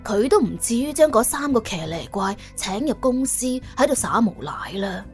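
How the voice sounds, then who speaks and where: A woman with a Hong Kong or Guangdong Cantonese accent narrates an audiobook story in a dramatic, colloquial, funny way, a colourful scripted telling. Her voice is a little high and sing-song at a moderate pace, with soft music behind.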